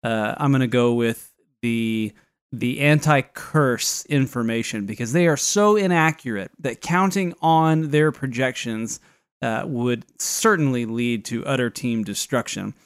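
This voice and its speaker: A man's voice: mid-range voice, measured pace, clear, resonant tone, no room sound, clean studio sound. Wry, wordy man on a podcast. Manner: wry, wordy and mock-formal, often facetious. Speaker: fantasy football podcast co-host. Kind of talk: casual podcast chat.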